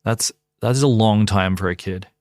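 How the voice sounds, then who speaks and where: A man's voice: lowish voice, moderate pace, darkish tone, dry recording, clean studio sound. A man hosting a podcast interview, asking questions in an easygoing, prompting way with hesitant ums. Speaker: podcast host.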